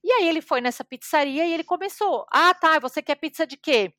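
A woman's voice: sits high, brisk, no room sound, studio quality. A woman hosting a podcast in casual chat, telling anecdotes and acting out the dialogue in them. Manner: animated anecdotes, acts out dialogue. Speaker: podcast host.

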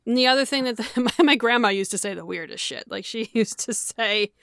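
A woman's voice: a little high, fairly quick, gravelly, fairly bright tone, no room sound, studio quality. A woman co-hosting a casual podcast chat, who laughs often, swears freely and acts out the voices of people she quotes. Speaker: podcast co-host.

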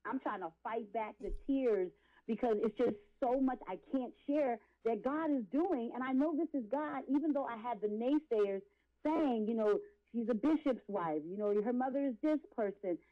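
Speaking at a normal speed in a slightly high voice, this R&B and gospel singer, a woman in her late forties, is a guest in an interview. She delivers testimony with passion and a preachy, emphatic tone, circling back to repeated phrases, all over phone-quality audio.

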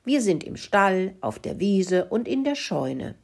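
A woman's voice: mid-range voice, sing-song, slow, vocal fry, a little mellow, pitched above the performer's own voice, exaggerated voice. A woman voicing a bossy little female mouse who lectures in a storybook reading. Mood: lecturing. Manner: lecturing, explaining.

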